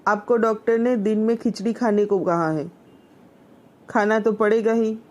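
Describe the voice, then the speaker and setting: A woman voicing a dutiful young daughter-in-law who answers calmly and politely. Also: medium pitch, unhurried, close to an everyday voice. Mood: patient. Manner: calm, polite replies.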